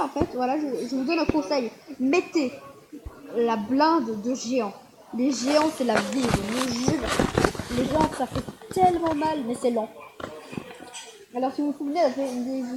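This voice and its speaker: Excitable, high-pitched woman gamer rambling casually, on a noisy home recording. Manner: chatty, excitable, rambling with fillers. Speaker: gaming vlogger. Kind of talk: casual screen-recorded commentary.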